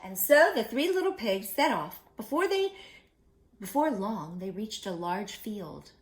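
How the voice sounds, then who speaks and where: A woman storyteller reading a fairy tale to children in expressive storybook narration, as in a fairy tale opening, with friendly asides to the listeners. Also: medium pitch, measured pace. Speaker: storyteller, children's read-aloud host. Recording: echoey room.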